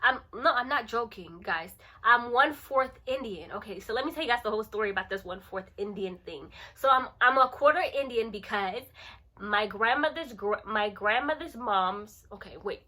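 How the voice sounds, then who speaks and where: A young woman talking straight to her camera in a chatty vlog. Her voice is bright and a little high, and her delivery is playful and animated as she teases her viewers. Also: moderate pace. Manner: playful, animated, addresses viewers as guys and y'all. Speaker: vlogger. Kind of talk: casual chat to camera.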